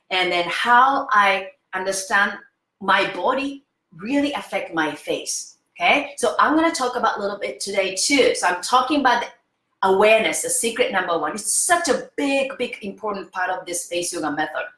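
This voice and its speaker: A woman's voice: medium pitch, sharp tone, echoey room. A woman in her fifties giving an interactive face yoga lesson, enthusiastic and often checking in with the viewer. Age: 50s. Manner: enthusiastic, keeps checking in with "okay?".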